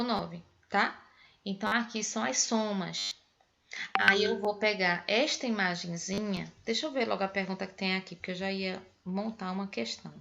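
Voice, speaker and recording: A woman's voice: medium pitch, creaky, bright, forceful tone, dull audio. A woman math teacher with a Pernambuco Brazilian accent, explaining a lesson in an online class and patiently counting through examples step by step. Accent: Pernambuco Brazilian Portuguese. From Northeast Brazil. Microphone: video call.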